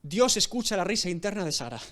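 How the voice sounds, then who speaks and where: A man with a fairly high voice preaching an expository sermon. He tells the story with animation and acts out the scenes as he goes. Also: big pitch swings, fast talker, fairly bright tone. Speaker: pastor.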